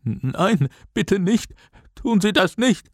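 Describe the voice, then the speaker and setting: A man voicing a timid, trembling male teacher who pleads in a high squeaky voice. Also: big pitch swings, measured pace, no room sound, studio quality, exaggerated voice. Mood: pleading.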